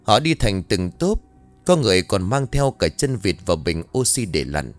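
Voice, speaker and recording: Low-voiced man narrating a ghost story. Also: very animated, normal speed, faint music behind.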